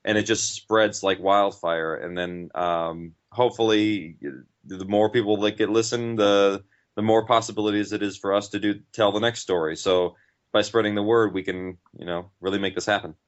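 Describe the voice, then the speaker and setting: Speaking at a moderate pace in a lowish, fairly even voice, this podcast writer-director chats enthusiastically and rambles freely as an interview guest. The recording sounds dull and lo-fi.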